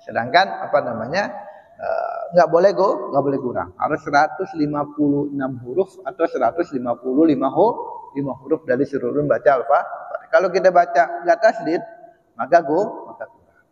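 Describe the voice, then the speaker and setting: Male religious teacher, slightly high voice, patient and repetitive, slow chanted recitations; muffled recording with long hall reverb. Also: animated. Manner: explains patiently, repeats words, chants Arabic slowly. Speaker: Islamic teacher. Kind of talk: mosque study lesson. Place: mosque hall.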